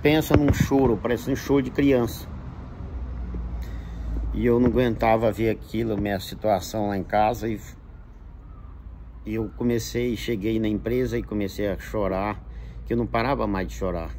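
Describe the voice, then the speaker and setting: A man with a fairly low voice and a Brazilian Portuguese accent tells a personal religious testimony. He speaks with emotion, his voice climbing higher whenever he relives the dialogue. A faint hiss sits under the recording. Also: steady tone, moderate pace, long pauses, darkish tone. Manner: emotional, rises in pitch when retelling dialogue. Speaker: witness giving a religious testimony.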